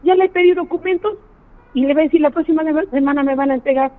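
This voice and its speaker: Indignant woman on a tinny phone line. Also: high voice. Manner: indignant, pleading, rapid storytelling. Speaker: caller. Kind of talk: phone-in complaint on radio.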